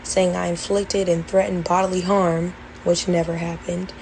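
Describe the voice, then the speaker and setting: A woman's voice: lowish voice, flat delivery, normal speed, vocal fry, a little mellow, a little hiss or hum, poor audio. A young woman earnestly recounting her college experience in a storytime vlog, detailed and full of fillers. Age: young adult. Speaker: former college band member telling her story.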